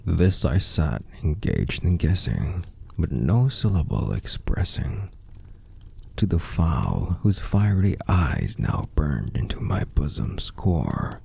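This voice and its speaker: A man recites gothic verse in a very low, husky voice that often sinks toward breath. His delivery is theatrical and brooding, swinging widely in pitch and drawing out key words with a gravelly rasp. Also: big pitch swings, takes it slowly, warm tone, dry recording. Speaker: poetry reader. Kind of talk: dramatic gothic poetry recitation.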